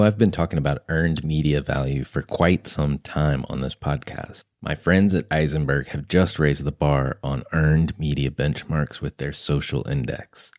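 Deep-voiced male podcast host, smooth practiced reads, dry close mic. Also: a little mellow, no room sound.

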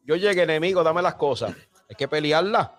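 A man preaching a fiery Pentecostal sermon, building to shouted, repeated exhortations. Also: fairly high pitch, lively intonation, a little fast, faint music behind. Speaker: pastor.

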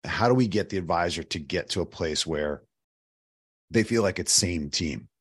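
A man co-hosting a podcast discussion in a conversational style, his voice hoarse, raspy and nearly gone. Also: sits low, normal speed, no echo. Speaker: podcast co-host. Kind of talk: conversational discussion of financial advising.

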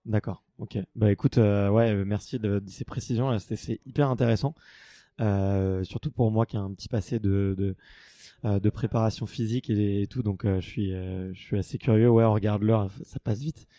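Interviewer décontracté, voix très sombre et douce, assez grave. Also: male voice, on the low side, fairly even intonation, normal speed, dark tone, dry recording, studio quality. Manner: casual, encouraging interjections. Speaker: interview host. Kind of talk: conversational interview.

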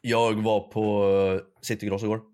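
A young man on a casual podcast, telling a story with lots of swearing, acting out the other people in it. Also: on the low side. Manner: animated storytelling, swearing, acting out a shouting clerk. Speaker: podcast co-host.

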